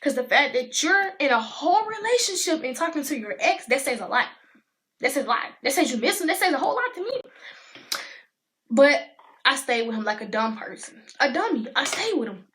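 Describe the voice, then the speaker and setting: A teenage woman, telling a storytime in a chatty, animated way and talking to viewers as y'all. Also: high voice, a little fast. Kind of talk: casual storytime vlog.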